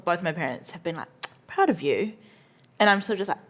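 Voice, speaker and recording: A woman chatting casually as an interview guest, expressive and sometimes dropping into hushed asides. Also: lowish voice, a little fast. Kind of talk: casual chat.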